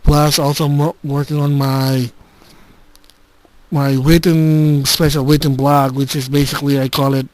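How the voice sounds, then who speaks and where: A man giving a casual gaming channel update, recorded on a handheld game console's voice recorder like a dictaphone, halting and restarting often. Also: on the high side, little pitch movement, no echo. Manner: halting, with frequent restarts and filler words. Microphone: handheld game console's built-in recorder.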